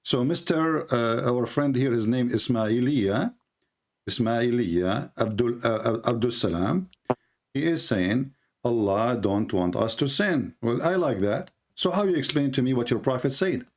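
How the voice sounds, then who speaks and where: This host of an argumentative live religious debate is a native Arabic speaker using non-native English. His mid-range voice is a little slow but has lively intonation, and he repeats his phrases insistently.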